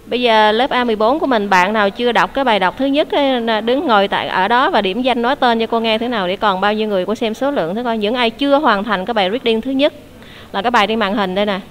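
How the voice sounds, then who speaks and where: A woman's voice: a little high, quick pace. A woman teacher, leading an online English class, explaining answers patiently and quizzing her students.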